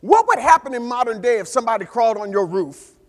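A man preaching a sermon as pastor, telling the story with animated swings from loud to hushed. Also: very high-pitched, quick pace. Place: church hall. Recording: long reverb of a large hall.

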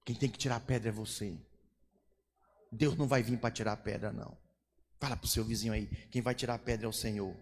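A man preaching a Pentecostal sermon, swinging from soft asides to shouted declarations. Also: lowish voice, steady tone, fast talker, slight background noise. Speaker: pastor. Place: church hall. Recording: long reverb of a church hall.

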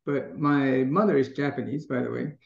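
Recorded in an echoey room with dull lo-fi sound, a middle-aged man from Taiwan is interviewed casually as a guest. He is thoughtful, restarts often, and laughs easily. His medium-pitched voice is gravelly, with fairly even intonation and a normal pace.

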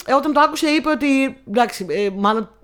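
A woman's voice: high voice, a bit bright. A young woman co-hosting a casual film chat, talking in a chatty, hesitant way with many fillers. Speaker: co-host.

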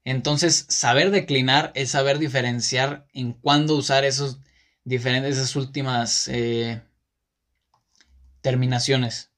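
A man's voice: medium pitch, fairly even intonation, takes it slowly, a bit bright. A man with a Mexican Spanish accent hosting a casual monologue podcast, rambling and often correcting himself with many fillers. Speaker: podcast host.

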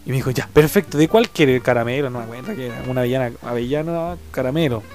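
A man's voice: mid-range voice, fast, faint music behind. A man in his twenties with a Chilean Spanish accent, casually telling a story and acting out the other people's voices. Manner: animated, acts out other voices and sounds.

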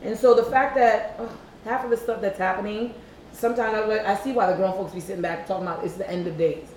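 A woman's voice: mid-range voice, fast, a little mellow, echoey room, slight background noise, low-quality recording. A woman in casual panel chat, talking earnestly and repeating phrases for emphasis.

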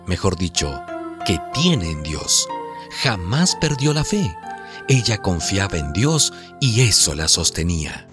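A man reading scripted documentary narration in a measured, solemn way. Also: sits low, sing-song, music in the background.

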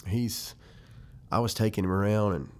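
A man's voice: lowish voice, normal speed, smooth. A man in his forties from Western North Carolina with a Southern Appalachian accent, reminiscing casually in an interview as a musician guest. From Western North Carolina, United States. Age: 40s.

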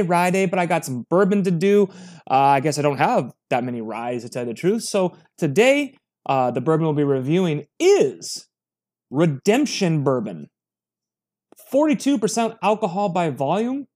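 A man's voice: fairly high pitch, darkish tone. A man giving a casual, rambling spoken review, chatty and full of restarts. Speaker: bourbon reviewer.

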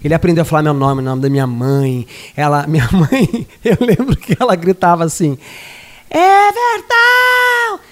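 A man from São chatting casually on a podcast, with a voice that sits slightly high for a man. He is an animated storyteller who acts out the people in his anecdotes and laughs easily. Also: a little fast, hardly any pauses.

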